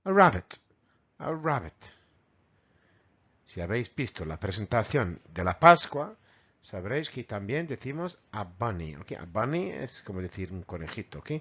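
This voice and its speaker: A man with a Spanish accent from Spain teaching English vocabulary to children, repeating words slowly and mimicking animal sounds. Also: lowish voice, big pitch swings, fairly bright tone, breathy edge, highs cut off. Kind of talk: bilingual vocabulary lesson.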